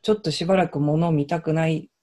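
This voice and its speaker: A woman in a casual podcast chat, speaking thoughtfully and softly, with frequent backchannels. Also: low voice, steady tone, quick pace, slight background noise. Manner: thoughtful, soft-spoken, many backchannels.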